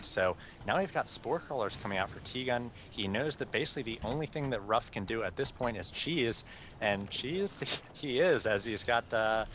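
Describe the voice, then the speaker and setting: Chill guy casting a strategy game, lots of uhs, noisy hissy mic, laid back. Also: mid-range voice. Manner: relaxed, chuckling, thinks aloud with many fillers. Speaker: esports caster. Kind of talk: live game commentary.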